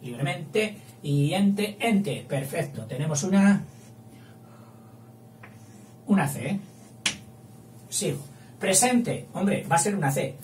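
A man teaching literature, chatting as he counts syllables and reads lines of verse slowly aloud. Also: sits high, animated, darkish tone. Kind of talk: explaining poetic meter at a whiteboard. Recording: roomy, distant mic, faint hum.

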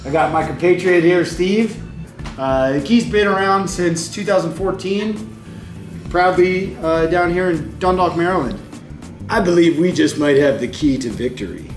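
A man's voice: high voice, measured pace. A man, a brewer, boasting cheerfully and announcing tasting events. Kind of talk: casual promo chat. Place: brewery taproom. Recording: echoey room, distant mic, music behind.

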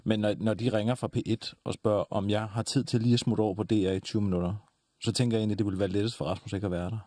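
A man talking casually as a guest, wry and quick to cut in. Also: lowish voice, steady tone, a little mellow, no echo, studio quality. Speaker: guest in couples therapy session. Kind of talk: casual conversational chat.

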